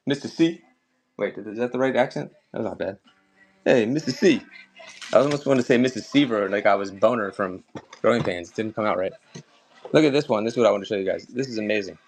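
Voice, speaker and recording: A man's voice: on the low side, a little hiss or hum. A man running a live collectibles auction stream, chatting casually and upbeat with viewers as he sells items.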